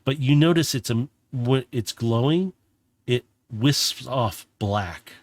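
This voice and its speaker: A man's voice: mid-range voice, animated, slow, dry recording. Man narrating a tabletop game, dry sound. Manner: casual, descriptive, self-correcting. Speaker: game master.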